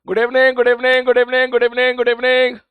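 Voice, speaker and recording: A hoarse male teacher from India chatting casually with his students before an online class, repeating greetings and laughing often. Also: very high-pitched, monotone, quick pace, a bit bright, no room sound.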